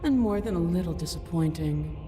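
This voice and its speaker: A woman voicing a towering giant princess in a game, her booming voice magically amplified, speaking in an imperious, condescending way. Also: lively intonation, fairly quick. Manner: imperious, purring, talks down to the listener. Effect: booming, magically amplified voice with a long echo. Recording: long hall reverb from game audio. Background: game music.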